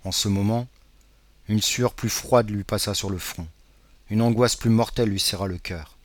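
A man's voice: on the low side, fairly even intonation, no echo. Man narrating a classic novel aloud. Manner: dramatic, measured reading. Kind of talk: audiobook narration.

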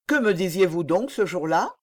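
A woman's voice: fairly low pitch, animated, moderate pace. A woman reading the part of a young king, lovesick and pleading, in an impassioned, exclaiming manner for an audiobook.

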